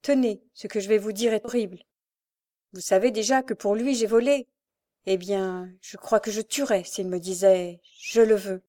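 A woman's voice: mid-range voice, moderate pace, dark tone, natural voice. A woman voicing a desperate, tormented young woman thief with pleading, impassioned outbursts. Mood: anguished.

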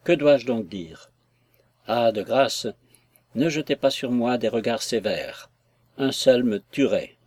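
A man's voice: mid-range voice, animated, takes it slowly, a little mellow. A man reading as an ardent young lover. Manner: fervent, pleading.

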